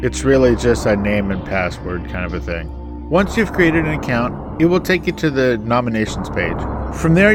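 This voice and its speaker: A man hosting a podcast, talking casually to his listeners and calling them guys. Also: medium pitch. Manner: breezy, addresses listeners as guys. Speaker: podcast host. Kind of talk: casual podcast chat and ad reads.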